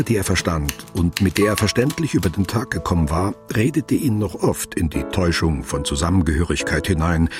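A deep-voiced man narrates a literary radio play. He tells the story soberly and observantly, with a detached, deliberate delivery.

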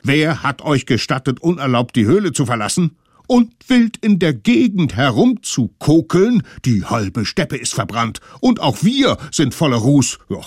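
A man's voice: on the low side, very animated, slow pace, long pauses, darkish tone, husky, no echo, studio quality, exaggerated voice. A man voicing stern stone-age parents who scold their children in a children's radio story. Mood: indignant. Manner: scolding, indignant.

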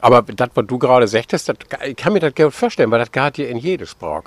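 A man talks. His middle-pitched voice trails into pauses and restarts while he works out what he means. He comes across as an ordinary, thoughtful guest. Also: expressive, dry recording. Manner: hesitant, thinks aloud with fillers. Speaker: guest, actor and writer. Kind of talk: casual radio interview.

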